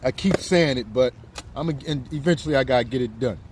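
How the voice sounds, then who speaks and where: A man in his fifties livestreams from a city street, chatting casually and talking straight to his viewers over faint street and traffic noise. He talks fast in a mid-range voice that's a little mellow.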